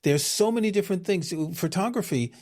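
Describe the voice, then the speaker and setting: A man co-hosting a podcast in casual chat, thoughtful with dry sarcasm, often pausing to rephrase. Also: sits high, animated, darkish tone. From living in Europe. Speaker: podcast co-host.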